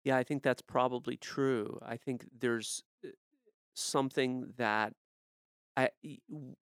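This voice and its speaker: A man with a gravelly yet smooth, resonant voice talks in a reflective, measured way in a casual conversation. He thinks aloud as he speaks. The sound is dry and close to the mic. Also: medium pitch, steady tone, no room sound.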